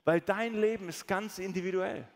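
A man preaching as a pastor, telling stories with lively acted-out quotes. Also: high-pitched, moderate pace, gravelly. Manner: storytelling, animated, acts out quoted voices. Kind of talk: sermon. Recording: long reverb of a large hall.

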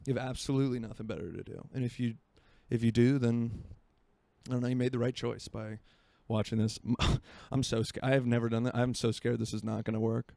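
A man's voice: medium pitch, steady tone, brisk, gravelly, warm tone, no echo. A man in his twenties from Florida, hosting a solo podcast in rambling, self-mocking casual chat from his home by a marina. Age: 20s. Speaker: podcast host.

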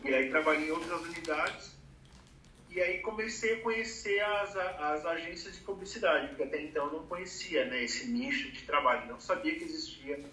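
A man's voice: fairly high pitch, a little fast, sharp tone, roomy sound, far from the mic, slight background noise, poor audio. A man in his thirties from Brazil, talking casually about career planning with many fillers. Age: 30s. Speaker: advertising professional giving career advice. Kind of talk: casual conversation.

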